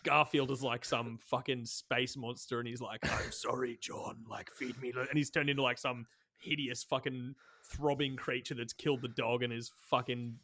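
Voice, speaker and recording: A man's voice: medium pitch, flat delivery, normal speed, sharp tone. A man co-hosting a comedy podcast who tells crude, joking stories. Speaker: podcast co-host. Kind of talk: casual comedic chat.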